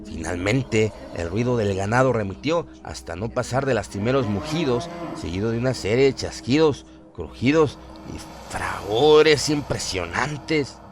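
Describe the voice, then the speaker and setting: A man narrates a scripted horror radio story in a solemn, literary, suspenseful way, with music playing behind him. His mid-range voice is expressive, and he speaks a little slowly with hardly any pauses.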